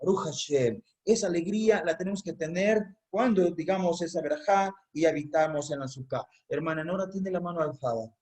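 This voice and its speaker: A man's voice: fairly high pitch, a little fast, few pauses, darkish tone. A man teaching a congregation in an online religious class, explaining step by step and repeating key phrases so they are memorized.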